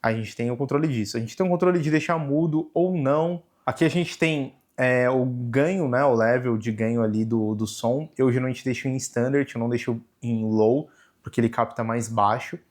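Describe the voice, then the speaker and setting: Um homem jovem com sotaque brasileiro, explicando passo a passo o menu de uma câmera num tutorial descontraído, com muitos "né" e "tá". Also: male voice, mid-range voice, moderate pace. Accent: Brazilian Portuguese. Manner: relaxed, explains step by step with frequent "né" and "tá". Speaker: camera tutorial host. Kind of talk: casual hands-on tutorial. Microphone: camera microphone.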